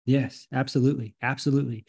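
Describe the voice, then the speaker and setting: A male podcast host welcomes his guest and asks questions, backing him up with short affirmations. His voice is mellow and slightly husky, in a middle pitch. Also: fairly even intonation, fast. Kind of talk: casual interview talk.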